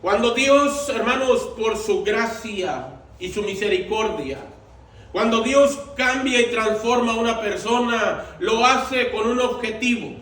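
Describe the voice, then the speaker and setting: A man preaching a sermon as pastor, slow and deliberate, repeating his phrases for emphasis. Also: very high-pitched, fairly bright tone. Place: church sanctuary. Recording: echoey church room, mic at a distance.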